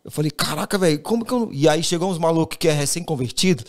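Guy on a podcast, rattles off his story quick, keeps acting out what everyone said. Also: fairly high pitch. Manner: animated, acts out quoted dialogue, says "velho" constantly. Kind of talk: casual storytelling.

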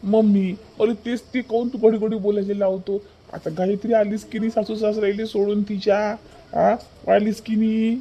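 A performer doing a meek cartoon son, Vidarbha accent, mellow dark tone, whiny, explaining. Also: mid-range voice, level tone, normal speed, dull audio, natural voice. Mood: irritated. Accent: Vidarbha Marathi. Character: mild office-working son, meek before his mother and wife.

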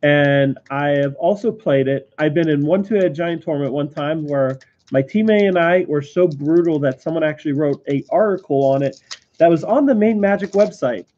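A man with a mellow, dark tone, pitched a little high, reading out card names and prices plainly. His voice comes through dull, lo-fi stream audio. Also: moderate pace. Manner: matter-of-fact, explains game strategy. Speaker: game store co-host.

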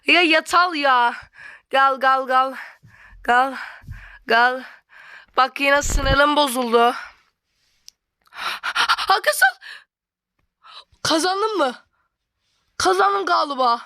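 A female gamer narrates her play in a high, bright voice, chatty and quick to flare up into loud frustrated yelling. She talks straight at her viewers the whole time. The sound is close and dry, with no room around it. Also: dry recording. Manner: excitable, keeps addressing viewers as friends. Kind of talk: let's-play commentary.

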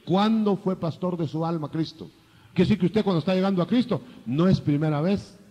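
An older man preaching a sermon, lively, acting out biblical dialogue in changing voices. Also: sits high, a little fast, in a large hall, lo-fi sound.

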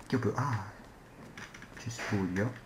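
A man's voice: on the low side, slow. A man commenting casually as he plays a game, given to explosive, exasperated cursing. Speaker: gamer recording own gameplay. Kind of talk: casual gaming commentary while playing. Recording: roomy, clearly noisy home recording with clicks.

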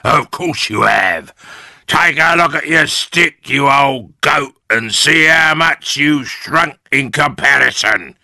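A man voicing a gleefully nasty, scheming old husband in a children's storybook, taunting in slow, emphatic, drawn-out words. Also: mid-range voice, lively intonation, vocal fry, sharp tone, dry recording, studio quality, voice pushed up, full character voice. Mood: gloating, menacing.

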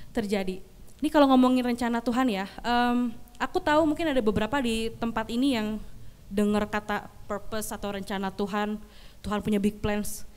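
A young woman giving a casual youth sermon, chatty and animated, slipping English phrases into her storytelling. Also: on the high side, clean tone. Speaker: youth pastor.

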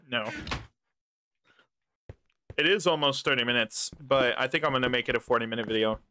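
A man's voice: mid-range voice, normal speed, bright, forceful tone, slight background noise. A young man hosting a gaming video, chatting casually, swearing often and rambling when he gets exasperated. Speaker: gaming channel host. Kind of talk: casual gameplay chat.

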